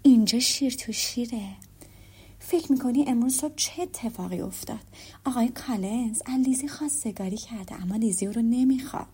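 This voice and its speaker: A woman voicing an excited teenage girl who gossips in a hushed whisper, a whispered role-play in an audiobook. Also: a little high, slightly rough. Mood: gossipy.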